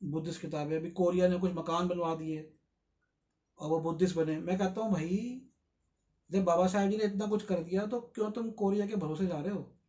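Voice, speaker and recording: A man's voice: sits high, fairly even intonation, brisk, a little mellow, muffled recording. A man giving an interview, explaining at length in an earnest, lecturing way and putting rhetorical questions to his listeners. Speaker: interview guest.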